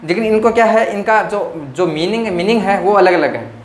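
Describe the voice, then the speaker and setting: High-voiced teacher, echoey room. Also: male voice, expressive, moderate pace. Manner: repetitive question-and-answer teaching, addressing viewers as friends. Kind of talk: exam-prep grammar lesson. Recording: echoey room with faint noise.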